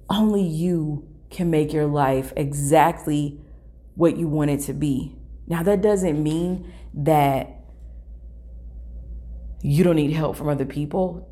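A woman's voice: low-pitched, dark tone. A woman talking earnestly and thoughtfully to her listeners, reflecting on personal struggles.

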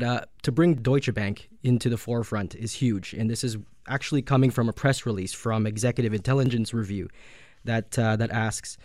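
A man's voice: lowish voice, a little mellow, no echo, studio quality. A man co-hosting a finance radio show, earnestly reading out news reports and weighing in on them. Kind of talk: casual radio talk on finance.

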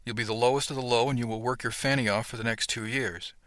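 A man reading the part of a gruff older woman ship captain who barks clipped orders, in a close, dry recording. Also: mid-range voice, steady tone, fast, fairly bright tone, dry recording, natural voice. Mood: stern.

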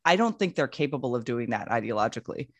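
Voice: mid-range voice, big pitch swings, fast talker, no room sound. A panelist on a political talk show, arguing firmly against the other side. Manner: argumentative, firm. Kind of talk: political commentary.

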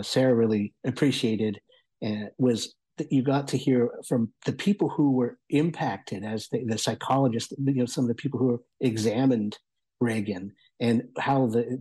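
Appearing as a guest, a man gives a casual spoken review in a conversational, thoughtful way, often halting as he works toward his point. His medium-pitched voice is mellow and soft-edged with a husky grain, and the recording is rough.

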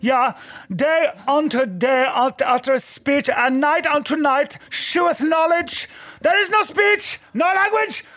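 A man reading scripture aloud in a put-on German accent, grandiose and booming, for comic effect. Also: unhurried, exaggerated voice. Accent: mock German. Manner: grandiose, booming, rising to shouts.

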